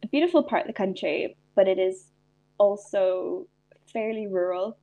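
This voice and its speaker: A young woman with an Irish accent talks as a podcast guest. She is reflective and unhurried, and often restarts a thought before finishing it. Her voice sits at an ordinary middle pitch. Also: animated, warm tone. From Ireland. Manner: reflective, frequent restarts and fillers. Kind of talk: casual interview chat.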